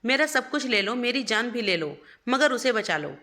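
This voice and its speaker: A grief-stricken young husband begs frantically, voiced by a woman storyteller. The voice stays high and bright, with a plain storybook delivery. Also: sing-song, normal speed, exaggerated voice. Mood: desperate pleading. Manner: pleading, frantic. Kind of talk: storybook narration.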